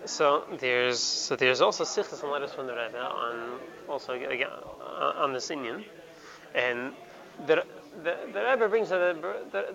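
A creaky, medium-pitched male voice leads a Talmudic study lesson, breaking off to repeat words and using Hebrew terms within his English. The recording is dull and lo-fi, with a crowd murmuring in the background.

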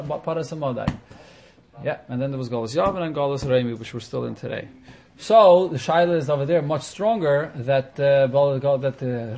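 Man teaching, a bit high-voiced. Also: darkish tone. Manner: explanatory, switches into Yiddish, poses questions and answers them. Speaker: teacher of a Talmud class. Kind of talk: informal religious lesson with discussion.

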